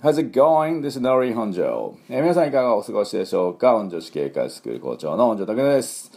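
Lively low-voiced man teaching pronunciation. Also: fast talker, gravelly. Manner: chatty, many fillers, demonstrates sounds. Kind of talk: casual spoken lesson.

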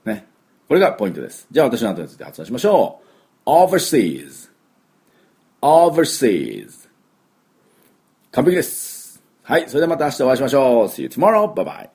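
A middle-aged man giving a chatty English pronunciation lesson, with drawn-out fillers and model words repeated for the listener to copy. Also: mid-range voice, sing-song, darkish tone. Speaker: English teacher.

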